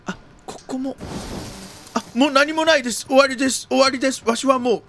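A man doing jumpy let's-play commentary of a horror game, often repeating exclamations quickly and using old-man turns of phrase. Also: extremely high pitch, gravelly, a bit bright, a little hiss or hum. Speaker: video game streamer.

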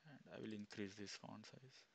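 A man in his thirties, an instructor, talking step by step through a screen-recorded software tutorial on a headset mic, with fillers as he goes. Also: on the low side, fairly even intonation, normal speed, slightly rough, no room sound. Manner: plain step-by-step, thinking aloud with fillers. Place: small room indoors.

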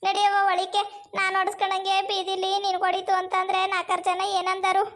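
Very high-voiced woman in village skit. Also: monotone, fairly quick, a bit bright. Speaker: village daughter and mother in a comedy skit.

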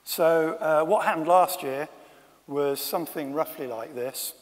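Male conference speaker, fairly high voice, dry humour, long hall reverb. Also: measured pace. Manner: wry, self-deprecating asides. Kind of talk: conference talk. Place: conference room.

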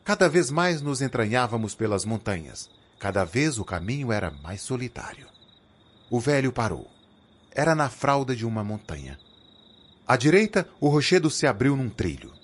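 Expressive male audiobook narrator. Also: medium pitch, normal speed. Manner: expressive, dark storytelling. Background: background music.

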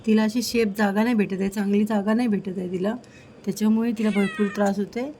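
A woman's voice: mid-range voice, fairly even intonation, quick pace, warm tone, a little hiss or hum, poor audio. A woman fussing over her cat and talking to it, in a casual home vlog at night. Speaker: vlogger caring for a pregnant cat.

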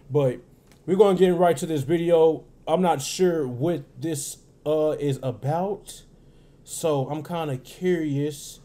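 A man's voice: medium pitch, warm tone. A man from Arkansas, hosting a casual reaction video with loose, laid-back talk full of fillers. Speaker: reaction channel host. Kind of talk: casual chat.

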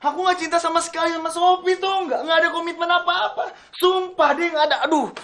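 A pleading young husband, Arya. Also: male voice, sits high, lively intonation, moderate pace, full character voice. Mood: insistent. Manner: pleading and insistent, breaks into shouts. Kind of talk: TV film acting. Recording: film soundtrack with loud music behind.

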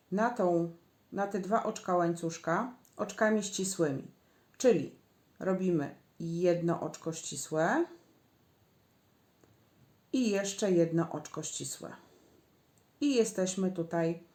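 Woman crochet teacher, unhurried step-by-step guidance, echoey room. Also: lowish voice, a little mellow. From Poland. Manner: slow, patient instructions, counting stitches aloud. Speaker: crochet instructor.

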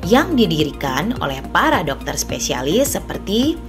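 A woman's voice: on the low side, very animated, normal speed. A woman reading a scripted news voice-over as the reporter. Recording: voice-over over background music.

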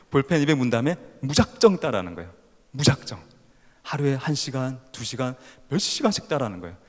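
A man in his thirties with a faint Gyeongsang-tinged accent, telling his life story as a stage speaker and acting out the scenes. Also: mid-range voice. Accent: Gyeongsang-tinged Seoul Korean. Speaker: speaker at a youth festival talk. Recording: hall reverb from a stage talk.

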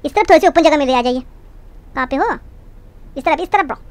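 A woman chatting casually with friends as she plays a game, thinking out loud as she goes. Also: high voice, expressive, fast talker. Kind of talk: casual gameplay chat.

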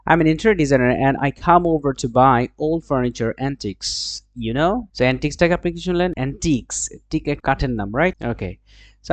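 A man teaching an English listening lesson, slowly modeling example sentences between explanations. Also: medium pitch, dry recording. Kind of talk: language lesson.

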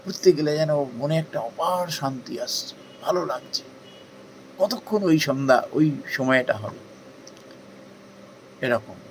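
A man delivers a devotional talk at a middling pitch. He speaks earnestly and persuasively, posing questions and answering them, lifting his voice for emphasis before dropping back down. A faint hiss of noise sits under the recording. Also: expressive, a little slow, long pauses, rough recording. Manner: earnest, rhetorical questions, rising emphasis then softening. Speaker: spiritual speaker. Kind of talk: devotional discourse.

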